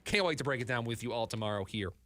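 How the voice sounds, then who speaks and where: A male sports radio host chatting in the studio, animated and repeating words when he gets emphatic. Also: mid-range voice, fast talker, no room sound. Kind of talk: sports talk radio chat. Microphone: studio mic.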